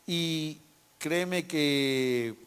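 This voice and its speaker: Animated Mexican man telling a faith story. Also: fairly high pitch, very slow, clear, resonant tone. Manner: animated storyteller who acts out dialogue and keeps checking with "¿sí?"; repeats and restarts words. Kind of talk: personal faith testimony.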